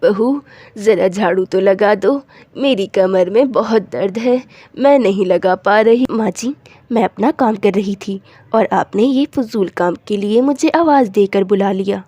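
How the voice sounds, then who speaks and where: A woman's voice: medium pitch, measured pace, warm tone, no room sound, pitched below the performer's own voice, natural voice. A woman voicing a rude, scornful young daughter-in-law in a cartoon story, talking harshly. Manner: harsh and insulting.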